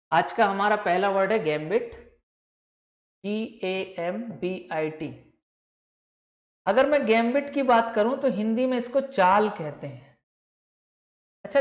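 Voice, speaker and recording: A male teacher gives a vocabulary lecture, explaining each word patiently and repeating the key terms. He speaks in a roomy, echoey space. The sound is dull and lo-fi. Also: sits high. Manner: patient explaining, repeats key words, calls students "beta". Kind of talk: vocabulary lecture for exam students.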